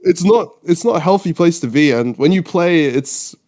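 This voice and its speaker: A fairly high-pitched, animated man with a darkish tone talks at a moderate pace. He's twenty, from Australia, born in Mauritius, and has lived in the UK; as a podcast guest he chats casually in a rambling, informal manner.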